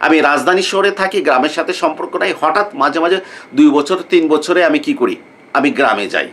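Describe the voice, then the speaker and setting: A man's voice: fairly high pitch, a bit bright. A male lecturer from Bangladesh giving students an informal talk, often stopping mid-sentence on a questioning filler before finishing the thought. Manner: repetitive, rhetorical, fills pauses with a questioning "what". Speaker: economics lecturer.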